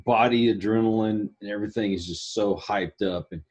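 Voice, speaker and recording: Man, slightly low pitch, interviewer, casual chat, informal and animated. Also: brisk.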